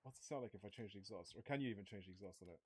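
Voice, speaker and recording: Rapid-fire and fairly low in pitch, this young man streams a racing game with casual commentary, rambling, cursing freely and chatting with viewers while noting his voice is starting to go. Background noise is audible.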